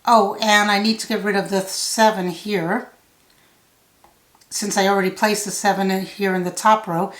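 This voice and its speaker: A woman giving a solve-along tutorial, thinking out loud step by step in a measured way. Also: medium pitch, steady tone. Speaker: puzzle tutor. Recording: roomy, echoey sound.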